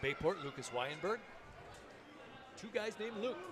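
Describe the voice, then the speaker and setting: A man giving excitable live commentary on a high school wrestling match, laughing between calls. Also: unhurried. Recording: loud crowd and noise behind.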